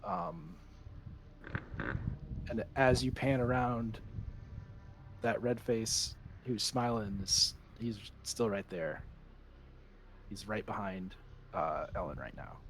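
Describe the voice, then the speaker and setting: A man running a tabletop horror game as game master, narrating in a hushed, halting way with many fillers. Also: on the low side, noisy background.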